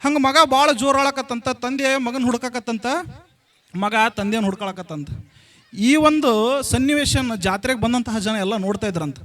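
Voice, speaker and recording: Brief: male spiritual leader with a North Karnataka accent and a very high voice, folksy storyteller who keeps checking in with the crowd. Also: moderate pace, a bit bright. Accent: North Karnataka Kannada. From Karnataka, India. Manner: folksy storyteller, repeats lines and puts questions to the audience. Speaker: religious leader giving a blessing address. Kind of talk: storytelling speech to a school gathering.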